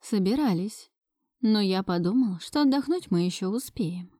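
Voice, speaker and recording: A woman's voice: lively intonation, normal speed, mellow, dry recording, studio quality, natural voice. Woman voicing a cocky murmuring young man. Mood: teasing. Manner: low murmuring, teasing.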